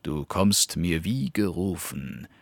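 A starving, bad-tempered wolf growling his words in a very deep voice, as a man puts him on. He speaks slowly and gruffly, dry and close to the mic. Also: dry recording. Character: starving grumpy male wolf.

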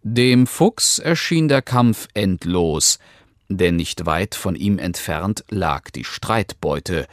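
A man narrating a fable as a storybook reader, calm and measured. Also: low-pitched, no echo, clean studio sound.

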